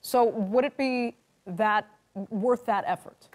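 A woman's voice: fairly high pitch, slow, a little mellow. A middle-aged woman anchoring the news, putting questions in a live interview. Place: television studio.

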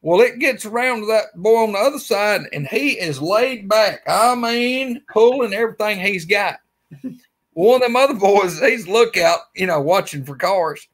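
Calling in by webcam from his man cave, a small indoor room, a forties-aged man from Alabama with a Southern US accent rambles through a story in a casual interview. His voice sits high at normal speed, and he's animated, leaning heavily on fillers.

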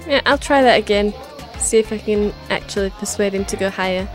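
A woman's voice: mid-range voice, a little fast. A woman giving casual let's play commentary as she plays a video game. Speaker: gamer, channel host. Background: game music.

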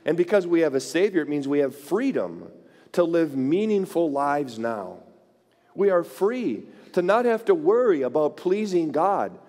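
A male pastor preaching in a church, his voice sitting a little high and swinging widely in pitch. He acts out quoted speakers with lively energy. The sound carries a long hall reverb. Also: unhurried. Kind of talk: sermon. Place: church sanctuary.

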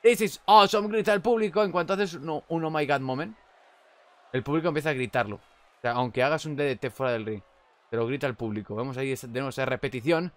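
A young man with a Spanish accent commentating on a wrestling video game. He chats casually and shouts at big moves. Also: mid-range voice, fast. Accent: Spain Spanish. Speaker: gameplay commentator.

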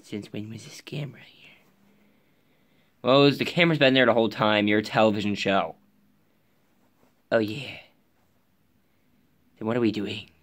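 A young man sits on his bedroom floor and desk indoors, voicing several plush toys in an improvised skit and often sinking to a whisper. His voice is lowish and a bit bright, with a steady tone, normal speed, and long pauses.

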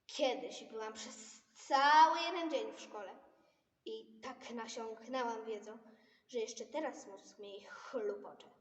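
A woman's voice: a little high, slow pace. A young girl voicing a cheeky, naive, outspoken storybook girl in emphatic exclamations. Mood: brash, dramatic. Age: child about 10 playing a child. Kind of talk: recited children's storybook. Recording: echoey hall, distant microphone.

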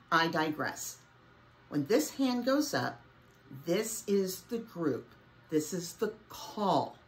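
A woman's voice: fairly low pitch, a little hiss or hum. A woman teaching a music lesson, explaining a name game in a chatty way while getting over a summer cold. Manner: chatty, switches to singing solfege.

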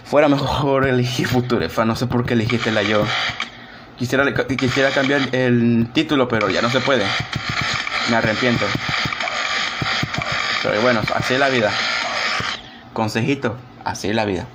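A man's voice: mid-range voice, fairly even intonation, moderate pace, pauses often, very noisy. Young man groaning through a game stream. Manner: chatty, self-mocking, groans and sighs while playing. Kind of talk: casual live-stream gameplay chat.

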